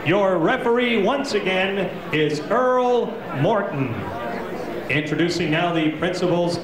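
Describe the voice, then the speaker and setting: A man working as a boxing ring announcer, proclaiming formally in a drawn-out arena announcer style. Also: high-pitched, lively intonation. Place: indoor boxing arena at a casino hotel. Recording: echoey hall, distant PA, crowd noise.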